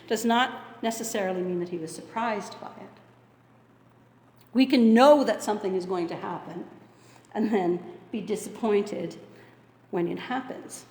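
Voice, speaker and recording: A woman's voice: on the high side, slight background noise. Earnest woman pastor in an echoing hall. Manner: measured, earnest delivery with dramatic pauses. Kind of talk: sermon. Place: church sanctuary. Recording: echoey hall with long reverb.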